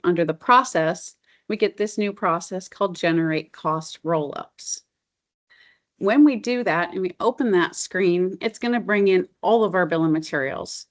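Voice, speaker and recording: In a lowish voice, a middle-aged consultant walks through a software demo. Her explanation of the features is relaxed, conversational, and full of enthusiasm.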